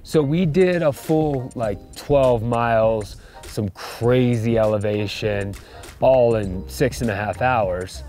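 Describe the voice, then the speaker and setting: An upbeat man talks into a handheld camera while camped outdoors in the mountains. His voice sits at an ordinary middle pitch, and his narration is loose and conversational. Faint music plays underneath. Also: slow pace, mellow. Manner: chatty, enthusiastic. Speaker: vlog host. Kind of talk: casual outdoor vlog narration.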